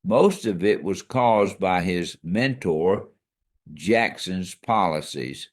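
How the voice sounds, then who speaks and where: Co-hosting a scripted history podcast, a man with a fairly low voice explains each fact with emphasis and leans into the surprising details, as though sharing a secret with the listener. He is expressive and takes his time.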